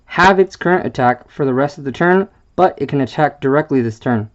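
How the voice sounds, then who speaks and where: A man presenting a card game deck, reading the card text aloud in a halting way, stumbling over wordings and filling gaps with "uh". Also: a little high, animated, dull audio.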